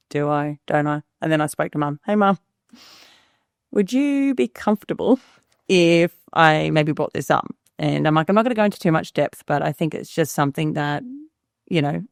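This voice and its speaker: A woman's voice: fairly low pitch, vocal fry, dry recording, studio quality. A woman, a podcast guest telling a personal story in a candid, chatty way, acting out quoted dialogue and often using fillers. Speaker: podcast guest, business founder.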